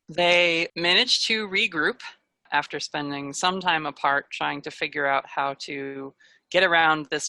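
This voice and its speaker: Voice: medium pitch, creaky, pushed and bright, no room sound. A game master narrating a tabletop role-playing adventure in a casual, conversational way. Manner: casual and conversational, slipping between recap and banter.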